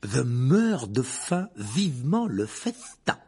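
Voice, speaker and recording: A man's voice: medium pitch, sing-song, slow, mellow, slightly rough, full character voice. A man playing a hot-headed teenage boy. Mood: eager. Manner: angry, blustering. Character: hot-tempered teenage boy, loyal friend. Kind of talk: audiobook narration.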